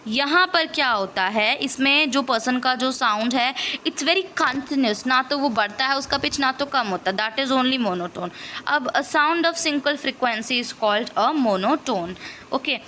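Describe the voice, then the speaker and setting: A woman teacher explaining a science lesson, mixing Hindi and English and slowly dictating answers. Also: high voice, a bit bright, a little hiss or hum.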